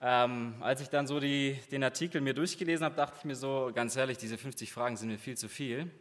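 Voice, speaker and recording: A young German youth group leader gives an interactive talk in a reverberant hall. His mid-range, slightly bright voice has fairly even intonation and runs a little fast. He's casual and chatty, with many fillers and rhetorical questions.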